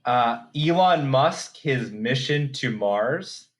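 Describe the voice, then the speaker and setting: A man in his thirties co-hosts a podcast in relaxed chat. He talks slowly and hesitantly, leaning on fillers and repeated words as he lines up his points. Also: mid-range voice. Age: 30s. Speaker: podcast co-host. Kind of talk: casual chat.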